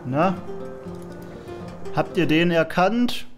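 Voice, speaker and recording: A man's voice: fairly high pitch, animated, drawn-out words, soft background music. A man hosting a let's play with casual game commentary.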